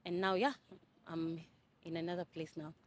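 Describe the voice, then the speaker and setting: Kenyan woman, low voice, hesitant. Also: little pitch movement, normal speed, dry recording. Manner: hesitant, many fillers and restarts. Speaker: interview guest. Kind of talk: casual interview answers. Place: Dubai.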